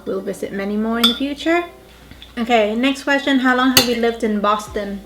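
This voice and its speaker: A woman's voice: fairly high pitch, low-quality recording. A woman from Thailand, raised in England, in her thirties, chatting casually as she reads out questions for a couple's vlog. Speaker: vlog host. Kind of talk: casual chat.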